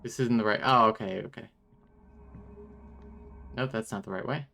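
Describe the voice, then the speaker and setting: A man's voice: lowish voice, normal speed, creaky, pushed and bright, soft background music. A man streaming a game live and commenting with sarcastic jokes and frequent laughter. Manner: joking, sarcastic asides; laughs often while talking.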